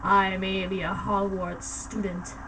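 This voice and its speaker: A woman voicing an angry, theatrical wizard-school boy with dramatic pauses and hammy stage delivery. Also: mid-range voice, flat delivery, fairly bright tone, recorded from a distance, slight background noise, pitched below the performer's own voice. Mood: grandly defiant.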